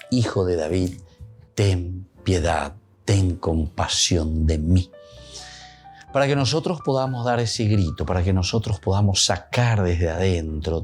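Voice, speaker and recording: Paraguayan priest, really low voice, reflective homily, goes between spanish and guaraní, says things over and over. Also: male voice, darkish tone, breathy edge.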